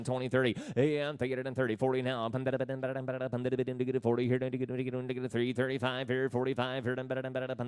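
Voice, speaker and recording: A man calls a livestock auction in a rapid-fire auctioneer's chant. His voice is clean and resonant, rolling through repeated filler words between the numbers, and the sound is dry and close. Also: medium pitch, a little mellow, smooth, no echo. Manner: rolling, repetitive filler-word patter between bids.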